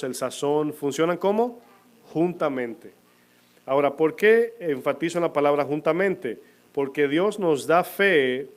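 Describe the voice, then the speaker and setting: A man preaching a sermon in a church, with a fairly high voice. He keeps asking his listeners questions and then answers them himself. He slows down to lean on the key words. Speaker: pastor.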